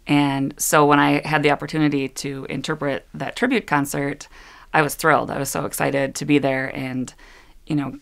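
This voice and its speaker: A middle-aged woman, a sign language interpreter whose first language is English, speaks earnestly in an interview, often restarting her sentences and laughing easily. Her voice is low with little pitch movement and vocal fry, at a moderate pace.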